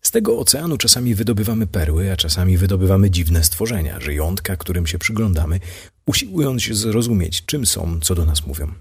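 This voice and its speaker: A man hosts a devotional program and reads scripture slowly and solemnly. His voice sits very low and has a breathy, husky texture. He reads steadily, with weight on each phrase. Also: lively intonation. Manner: measured, solemn reading. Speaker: radio host and Bible reader.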